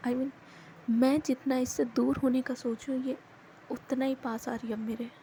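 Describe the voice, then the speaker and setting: Casual female storyteller, fairly high and mellow, relaxed spoken narration with frequent self-corrections. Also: a little slow, slight background noise, low-quality recording. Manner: mixes English words into speech, frequent self-corrections.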